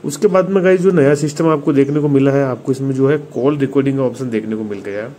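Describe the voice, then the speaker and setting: A tech reviewer and video host with an Indian accent gives a casual, hands-on phone review, often speaking directly to his viewers. He talks fast in a medium-pitched, warm voice, and the room recording is clearly noisy.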